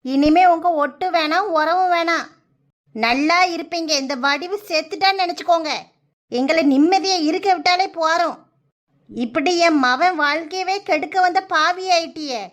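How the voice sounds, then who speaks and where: Woman doing a super high cartoon village mom, scolding, southern tamil accent. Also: moderate pace, fairly bright tone. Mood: indignant. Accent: southern Tamil Nadu. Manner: reproachful, scolding. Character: indignant middle-aged village mother.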